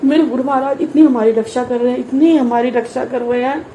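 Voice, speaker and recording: A woman's voice: sits high, steady tone, a little fast, warm tone, reverberant, slight background noise, poor audio. A middle-aged woman telling an earnest, emotional devotional testimony and often addressing the congregation directly.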